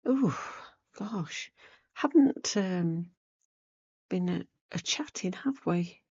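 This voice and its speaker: A craft tutorial host chats casually through a needlework demonstration, her voice croaky and hoarse after a cold, with plenty of gravelly fry. She speaks slowly and unscripted, rambling and thinking aloud while she works, in a lowish, animated, darkish voice. The recording sounds a bit dull.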